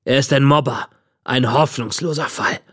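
A man reading the part of a gruff, bearded old homeless man who accuses a boy. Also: mid-range voice, moderate pace, a bit bright. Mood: accusing.

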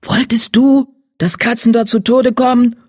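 A reader voicing an accusing tortoiseshell she-cat, pitched high and pressing. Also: expressive, moderate pace, darkish tone, no echo, clean studio sound, close to an everyday voice.

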